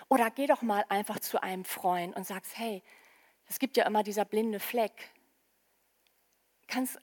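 A woman preaching a sermon to her congregation in a lively, conversational way, with casual asides. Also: medium pitch.

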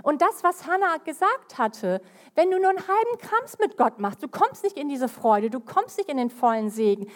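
A middle-aged woman preaches a sermon with a fairly high voice. She speaks emphatically, her voice rising for key points and dropping low and soft for others. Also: normal speed. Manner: lively, emphatic preaching with sudden rises and drops in loudness.

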